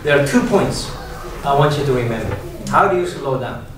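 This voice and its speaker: This speech teacher has a medium-pitched, fairly bright voice, animated and moderately paced, and he laughs and asks questions throughout. Recorded from across the classroom, the audio is echoey and noisy.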